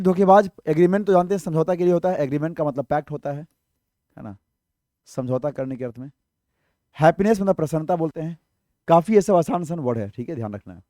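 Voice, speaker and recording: A man's voice: a little high, mellow, dry recording, studio quality. A man teaching English vocabulary in an online exam-prep lesson, explaining patiently, asking rhetorical questions and checking in often.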